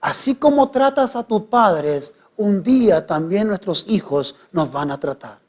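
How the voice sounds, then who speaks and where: A middle-aged male pastor, preaching a sermon. He swings from hushed, quiet lines to sudden loud, raised ones. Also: sits high, animated, a little slow.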